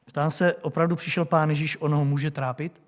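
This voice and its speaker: A man's voice: fairly high pitch, flat delivery. A male preacher delivering a sermon, questioning his congregation with rhetorical questions.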